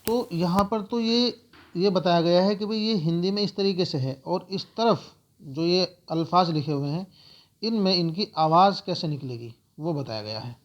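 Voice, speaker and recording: A man teaching a spoken alphabet lesson, going through letters slowly and repeating each sound. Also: sits high. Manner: slow, repetitive letter-by-letter explaining.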